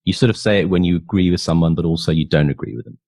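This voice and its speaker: A man's voice: low-pitched, racing, darkish tone, no echo, studio quality. A man hosting a podcast in a playful, conversational way. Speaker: podcast host. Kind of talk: casual chat with scripted introduction.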